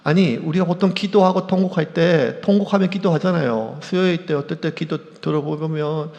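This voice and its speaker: A male pastor preaching a sermon in a church, animated and acting out quoted voices. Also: a little high, normal speed, creaky, lo-fi sound. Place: church sanctuary. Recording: echoey church hall.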